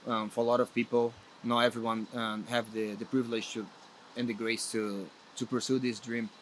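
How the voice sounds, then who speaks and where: In a low-quality recording with slight background noise, a guest player from Brazil talks earnestly in a casual interview. A native Portuguese speaker with a Brazilian accent, he has a medium-pitched, fairly bright voice, a level tone and a moderate pace, and he hesitates and restarts a lot.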